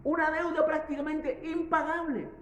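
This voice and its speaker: A man's voice: very high voice, little pitch movement, moderate pace, a bit bright, echoey room, slight background noise, poor audio. A man from Chile preaching a sermon, retelling a parable with restarts and repeated words.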